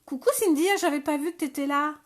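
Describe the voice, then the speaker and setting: Here the French-speaking scrapbooking host sounds high and steady and talks fairly quickly. She's live-streaming from her phone and chatting informally with viewers, often hesitating and using fillers.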